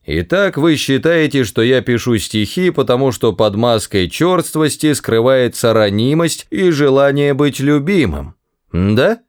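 A man voicing a pompous, cold-hearted male alien captain who writes poetry, speaking slowly and haughtily in an audiobook. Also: medium pitch, animated, clear, resonant tone, no room sound, studio quality, pitched above the performer's own voice, lightly acted.

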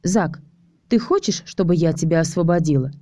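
A woman's voice: fairly low pitch, lively intonation, moderate pace, warm tone, no room sound, studio quality. A woman voicing a sultry teasing vampire lady. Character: seductive playful female vampire.

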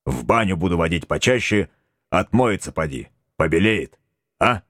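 Guy doing a bossy folksy tsar, deep voice, swings up and down a lot, dry close sound. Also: animated, moderate pace, fairly bright tone, no room sound. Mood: musing. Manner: homespun old-fashioned speech, blunt and chatty. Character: folksy bossy male tsar, middle-aged. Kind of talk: audiobook character voice.

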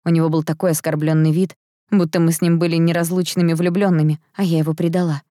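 A woman reading a first-person audiobook in a calm, even manner. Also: low-pitched, fast talker, no room sound, studio quality. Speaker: audiobook narrator. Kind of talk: scripted first-person narration.

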